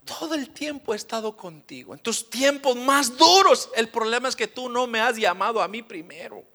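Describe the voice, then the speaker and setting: A man voicing a calm, gentle divine teacher who speaks softly and reassuringly. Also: extremely high pitch, normal speed, full character voice. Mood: tender. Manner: soft, reassuring.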